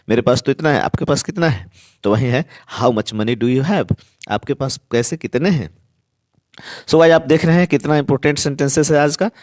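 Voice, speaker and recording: A man teaching spoken English, saying each sentence slowly and repeating it for learners. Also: mid-range voice, darkish tone, dry recording, clean studio sound.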